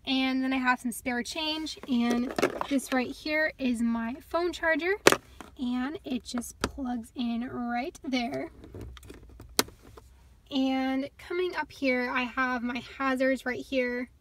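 A young woman vlogger gives a chatty, upbeat tour of her parked car, laughing a little as she goes, filmed on a phone held in her hand inside the car. Her voice is high, with fairly even intonation and a slow pace, against a noisy background.

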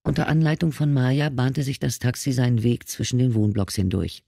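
Mellow, dry male audiobook narrator. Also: mid-range voice, gravelly, no echo. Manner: steady, measured reading. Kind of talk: scripted narration.

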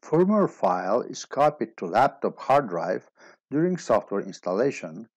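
A man giving a steady step-by-step technical tutorial as a voice-over. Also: mid-range voice, normal speed, husky, no echo. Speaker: instructor.

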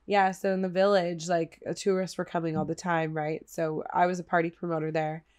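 Relaxed woman from Canada, rapper guest; low-ish voice, easy casual delivery. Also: a little fast, clear, resonant tone. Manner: laid-back, frequent laughs and likes. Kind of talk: casual podcast chat.

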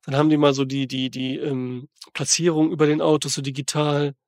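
A man hosting a film podcast, rambling excitedly and slangily as he retells and tears apart a movie in casual chat. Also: fairly high pitch, fairly quick, dry recording, clean studio sound.

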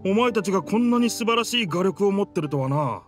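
In Japanese game dub dialogue, a man voices a proud, living pirate ship that sounds amazed, boastful, and theatrical. His hearty, dense, rough masculine delivery is animated and fast, pitched high with big swings. Faint music plays under the dialogue.

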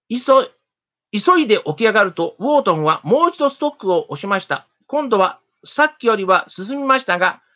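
A storyteller reading a children's story aloud in a gentle, steady, expressive manner. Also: medium pitch. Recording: dull lo-fi recording.

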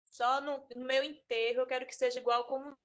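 A woman chatting casually on a video call, her halting speech breaking up as the internet audio cuts out. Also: high-pitched, flat delivery, a bit bright. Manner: halting, repeats words as her connection drops. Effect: choppy, cutting-out internet audio. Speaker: meeting participant.

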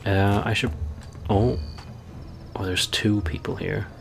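A man's voice: on the low side, fairly even intonation, takes it slowly, vocal fry, background noise. A man giving casual, wry game commentary, understated, as if muttering to himself. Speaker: let's-play commentator.

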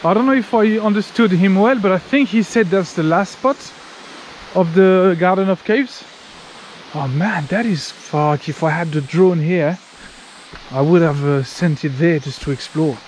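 A man's voice: high-pitched, a little slow, rough recording. A man giving casual, informal travel vlog commentary while outdoors, chatting freely. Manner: informal, chatty, occasional swearing. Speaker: travel vlogger. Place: outdoors on forest walking paths. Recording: outdoor ambience noise.

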